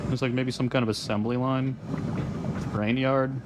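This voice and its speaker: A man's voice: medium pitch, steady tone, moderate pace. Chatty male game streamer, noisy background. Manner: chatty, sweary, talks to game characters. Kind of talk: casual playthrough commentary.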